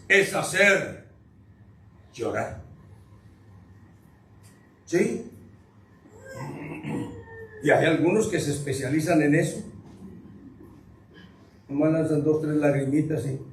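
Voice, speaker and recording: A preacher delivers a sermon in a high, bright voice, teasing the congregation and throwing questions at them. He sounds a bit far from the mic, his voice bouncing around a reverberant church with faint noise underneath. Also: takes it slowly, pauses often. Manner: joking, questions the congregation directly. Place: church sanctuary. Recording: echoey room, distant mic, faint noise.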